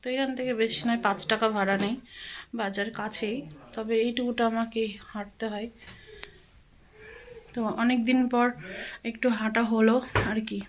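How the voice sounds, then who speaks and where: A woman's voice: fairly high pitch, fairly even intonation. A middle-aged woman from Bengal chatting casually in her home vlog, loose and rambling, a little out of breath. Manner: chatty, loose, with fillers and pauses. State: out of breath after walking. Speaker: vlogger.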